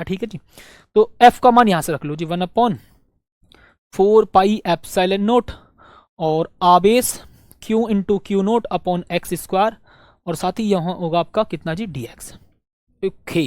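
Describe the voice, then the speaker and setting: A male teacher leads a physics class, repeating each phrase slowly so students can take notes. He poses questions and answers them himself, and coaxes his listeners as dear friends. The voice is dry and close, with no room sound. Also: sits high, no room sound. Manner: warm coaxing address to students as dear friends. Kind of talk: physics lesson with dictated notes.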